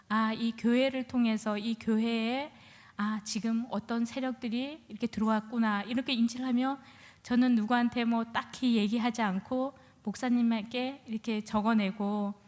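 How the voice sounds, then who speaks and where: A woman, a church deaconess, telling her testimony in an animated storytelling manner and acting out her own past cries. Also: fairly high pitch, big-room sound. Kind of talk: personal testimony.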